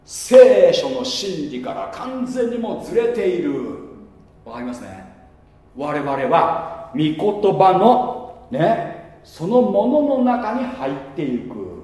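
A male pastor delivers a sermon with a fairly high, animated voice that leaps up and drops away. He keeps tossing rhetorical questions to the congregation between casual asides, and his words ring through a large, echoey hall with a long reverb tail. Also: slow.

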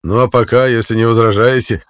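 A man's voice: medium pitch, fairly even intonation, a little fast, no room sound, studio quality, pitched above the performer's own voice, natural voice. A man voicing a very old male alien cook in an audiobook, eager and conspiratorial. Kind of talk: audiobook character voice.

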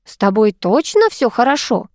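Woman voicing a fiery, shouting male cat familiar. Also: fairly high pitch, very animated, moderate pace, dry recording, studio quality. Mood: tender. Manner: shouting, indignant outbursts. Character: hot-tempered male cat familiar, loud and protective. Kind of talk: audiobook character voice.

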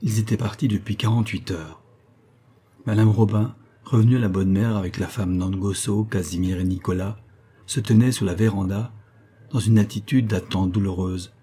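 A man reads a classic novel aloud as an audiobook, telling the story in a steady, measured way. His voice is on the low side and slightly rough.

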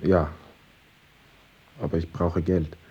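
An actor playing a poor, modest young man back from war captivity, speaking quietly and with restraint. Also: low-pitched, level tone, takes it slowly, breathy edge, heavily acted. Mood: restrained. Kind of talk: radio drama acting. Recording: slightly dull radio studio recording.

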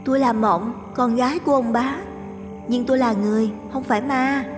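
A man voicing a gentle, playful young village girl in an audio ghost story, speaking softly and chattily. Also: very high-pitched, fairly even intonation, moderate pace, music in the background, pitched above the performer's own voice. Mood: plaintive.

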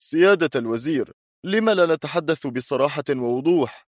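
A man's voice: fairly high pitch, animated, moderate pace, no echo, clean studio sound, voice pushed up, natural voice. A male narrator voicing a stern, cold, commanding intelligence chief who speaks firmly and curtly in an audiobook. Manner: firm, curt, steely. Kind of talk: audiobook character voice.

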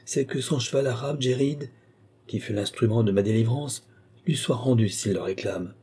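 A man's voice: mid-range voice, moderate pace, darkish tone, husky, close to an everyday voice. A man reading an audiobook, voicing a terrified, pleading young woman. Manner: pleading, frightened.

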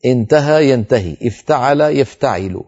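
A man teaching Quran recitation on a televised lesson, explaining rules and then chanting verses slowly and drawn out. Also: medium pitch, animated, a little mellow, lo-fi sound.

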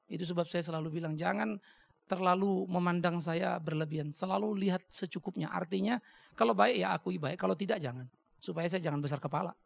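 A middle-aged man, a pastor, answering a congregation question with blunt, lively stories and acted-out dialogue. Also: high voice, creaky. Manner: blunt, animated storytelling with mimicked dialogue. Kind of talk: sermon Q&A, anecdotal. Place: church hall.

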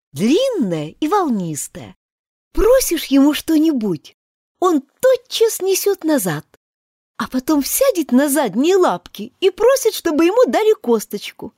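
A woman's voice: high voice, darkish tone, no echo, clean studio sound, voice pushed up, exaggerated voice. A woman reading an audiobook and voicing Alice, a polite, chatty little girl who pleads and apologizes. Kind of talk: audiobook character voice.

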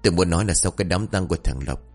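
A man's voice: sits low, racing, a little mellow, breathy edge, soft background music. A man voicing a cautious middle-aged village relative who gives earnest, hesitant advice.

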